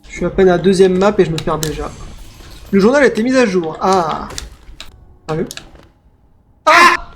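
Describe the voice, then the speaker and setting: An excitable man giving let's play commentary, yelping and talking back to the game. His pitch swings widely and stays lively, and faint music plays behind him. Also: brisk, long pauses. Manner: excitable, yelps and talks to the game. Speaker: gaming streamer.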